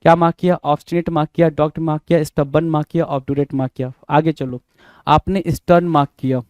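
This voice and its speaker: Male tutor, fairly high, mellow tone, dry recording, repeats and spells words. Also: steady tone, quick pace, clear, resonant tone, dry recording. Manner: repetitive, spells words letter by letter, quizzing the viewer; mixes Hindi and English. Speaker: English vocabulary teacher. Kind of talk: exam-prep vocabulary lesson.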